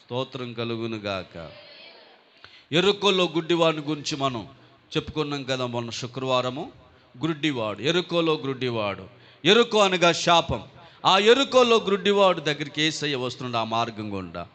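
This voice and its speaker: Man, pastor preaching a sermon, high voice, loud cries and hushed lines. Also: sing-song, moderate pace.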